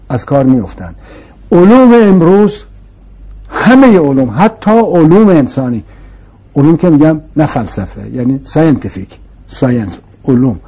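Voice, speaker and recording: Man, mellow dark tone, slightly husky, patient explainer, emphatic, repeats key points. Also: a little high. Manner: patient, emphatic, uses rhetorical questions and repetition. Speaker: scholar explaining philosophy to an interviewer. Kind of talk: explanatory conversational lecture.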